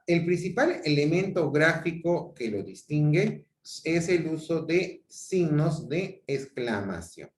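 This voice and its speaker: A man's voice: fairly high pitch, very animated, slow pace, echoey room. A male teacher explaining grammar in an online class, full of self-corrections and repeated phrases. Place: home room on a video call. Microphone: video call mic.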